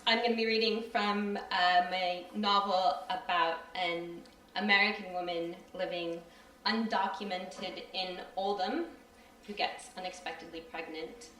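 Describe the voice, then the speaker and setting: Woman reading her own novel out loud, chatty then steady, far from the mic in an echoey room. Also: fairly low pitch, unhurried. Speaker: creative writing student reading her novel. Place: hall at a live reading. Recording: roomy hall from far off.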